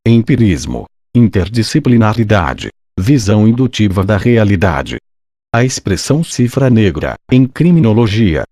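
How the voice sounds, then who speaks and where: Low, mellow robotic Brazilian male narrator. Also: dry recording, clean studio sound. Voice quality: robotic, synthetic. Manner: formal, measured reading. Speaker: narrator of an exam study summary. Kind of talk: scripted educational narration.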